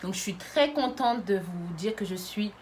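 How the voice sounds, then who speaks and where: Animated and at normal speed, her mid-range voice sounds a little mellow against slight background noise. She's a YouTuber in her twenties from the Lyon area of France, giggling and using lots of fillers as she chats casually to the camera.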